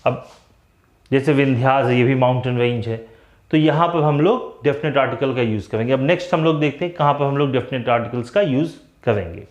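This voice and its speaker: A man with a Hindi accent teaching English grammar in a classroom-style lecture, mixing Hindi and English and slowing down to spell out the English example phrases. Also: mid-range voice. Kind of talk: classroom lecture for exam students. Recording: echoey room.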